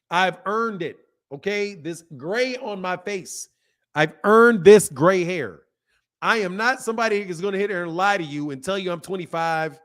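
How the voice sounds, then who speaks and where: A fifty-something man with a high voice hosts a boxing channel, chatting live and reading out comments casually. He's animated, talks back to the chat, repeats himself for emphasis and laughs often.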